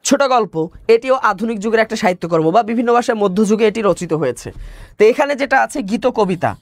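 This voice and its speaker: A man with a Bangladeshi Bengali accent teaches an exam-prep class online. His voice sits high, and he repeats key words and questions his listeners as he explains. The sound is dry and close, with no room echo. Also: animated, quick pace.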